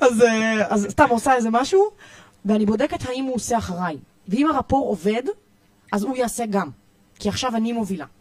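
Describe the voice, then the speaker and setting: A woman youth coach with an Israeli accent, giving parenting tips in a podcast interview in an energetic, emphatic way, often repeating herself. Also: a little high, no room sound. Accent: Israeli Hebrew. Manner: energetic, repetitive, emphatic listing.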